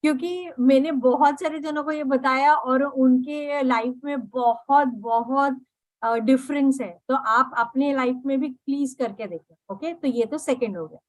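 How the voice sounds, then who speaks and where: Woman, meditation teacher, high voice, slow and gentle delivery, dry close sound. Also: no room sound, low-quality recording. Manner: unhurried, repeats "okay" often, mixes in English words. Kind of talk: guided meditation instruction.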